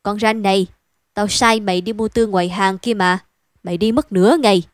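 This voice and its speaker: A woman reading a story aloud, voicing a cruel older madam who scolds a girl harshly and fast. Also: medium pitch, fairly even intonation, no room sound, clean studio sound, lightly acted. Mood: scolding. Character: fat, cruel older brothel madam, shrieking.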